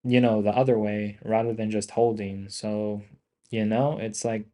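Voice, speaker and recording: A man's voice: lowish voice, little pitch movement, unhurried, warm tone. A man hosting a trading livestream, chatting casually to viewers in a slangy, rambling, repetitive way with plenty of swearing. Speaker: day trader hosting a livestream.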